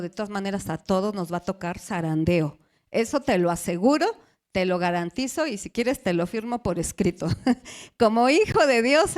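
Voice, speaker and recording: Woman pastor preaching. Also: medium pitch. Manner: asks the congregation questions, stretches key words. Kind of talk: sermon.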